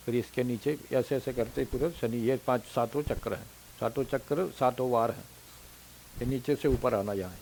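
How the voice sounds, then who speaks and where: A man teaching in a spiritual discourse. He explains slowly, repeats his points and sometimes chants sacred names. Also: mid-range voice, creaky. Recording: hissy recording. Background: steady hiss.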